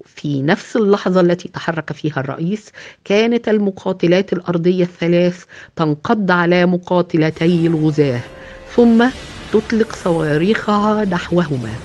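A woman narrating a science fiction audio novel in a steady, dramatic reading style. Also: lowish voice, fairly quick. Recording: dull lo-fi with background music.

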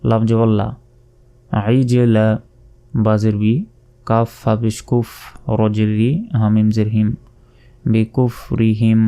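A man with a Bangladeshi Bengali accent teaching Quran recitation, patiently spelling out each letter and drawing the words out slowly. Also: fairly low pitch, monotone, mellow, clear, resonant tone.

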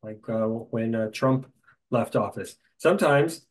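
A middle-aged man, a guest in a conversation, telling stories in a lively way with dry humor. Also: medium pitch, a little slow, low-quality recording.

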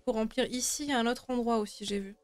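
A woman's voice: fairly high pitch, fairly even intonation, a little fast. A young woman streaming a horror game with casual commentary, jumpy and grumbling to herself as she plays, swearing freely. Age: young adult. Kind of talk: casual let's play commentary. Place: indoor room at home. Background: game music and rain sounds.

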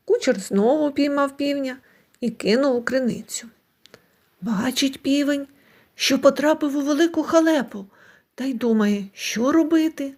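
A woman storyteller reading a folk fairy tale aloud in an expressive, scripted narration. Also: sits high.

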